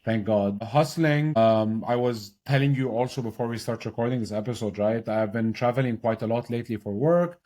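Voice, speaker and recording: A young adult man from Lebanon, a podcast guest who explains technical ideas in an energetic, casual way, often checking in with "right?". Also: medium pitch, brisk, few pauses. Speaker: podcast guest, blockchain consultant. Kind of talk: casual explanatory interview talk.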